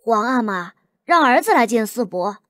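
A woman's voice: a little high, big pitch swings, moderate pace, fairly bright tone, dry recording, studio quality. Woman voicing a defiant young crown prince. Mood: firm. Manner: firm, defiant. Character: bold young male crown prince, stubborn son. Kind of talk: audiobook character voice.

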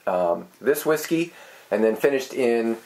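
A middle-aged man co-hosting a casual whiskey tasting chat, rambling and hesitant with many pauses and restarts. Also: mid-range voice, expressive, a little mellow. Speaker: co-host.

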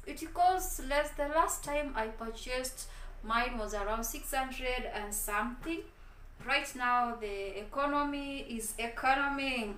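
A woman's voice: a little high, fairly bright tone, echoey room, far from the mic, slight background noise, low-quality recording. A young Kenyan woman with a Kenyan accent, chatting playfully to camera in a casual vlog and hyping up her viewers. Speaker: vlogger. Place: small indoor room, office and home.

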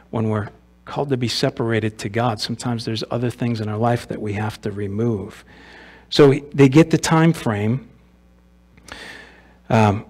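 Male pastor, sermon, conversational, rhetorical questions, mid-pitched voice, church sanctuary. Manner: conversational, asks rhetorical questions, repeats words.

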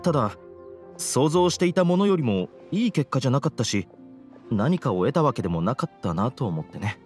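A man's voice: mid-range voice, big pitch swings, a little fast, a little mellow, close to an everyday voice. A man voicing an anxious, dejected young student in an anime game, hesitant and earnest. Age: young adult. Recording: music under the voice.

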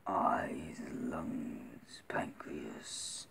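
A vlogger putting on a deep menacing alien monster voice in a whispered role-play, with a slow, hushed growl. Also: expressive, creaky, exaggerated voice.

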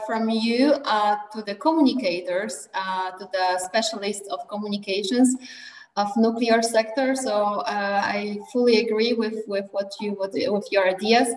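A woman's voice: mid-range voice, a little mellow. Woman, moderator, video call, hesitant, roomy sound, distant mic. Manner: halting, many fillers, thanking speakers. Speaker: competition moderator. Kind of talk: online video call hosting. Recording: echoey room, distant from mic.

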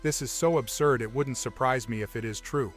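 Medium-pitched male narrator. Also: brisk. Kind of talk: scripted narration of forum replies. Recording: music behind the voice.

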